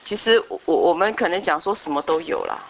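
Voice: mid-range voice, a little fast, creaky, a bit bright, a little hiss or hum. A Bible study participant answering the leader in casual discussion, with hesitant starts and repeated words. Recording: group of people around in a room.

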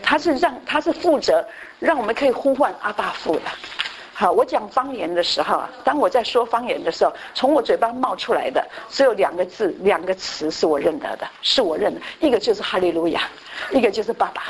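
A woman pastor giving a conversational Bible class. She repeats her phrases and often fills her pauses with a short affirming word. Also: mid-range voice, expressive, a little hiss or hum, low-quality recording.

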